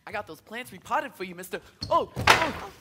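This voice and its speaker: Timid clumsy young clerk played by a teen boy, very high, lively, hall echo, crowd. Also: moderate pace. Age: teens. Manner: meek, timid. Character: nervous clumsy young male shop clerk. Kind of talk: school stage musical acting. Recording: echoey hall, audience from far.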